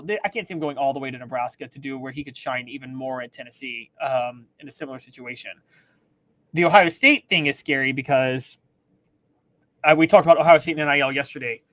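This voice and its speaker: A man co-hosting a sports talk show, talking casually with emphatic, animated delivery. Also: fairly high pitch, dry recording.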